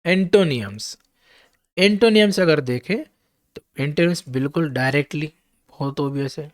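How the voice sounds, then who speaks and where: A man's voice: a little high, expressive, moderate pace, no room sound, studio quality. A man teaching English vocabulary to exam students, spelling each word out letter by letter and checking in with his listeners.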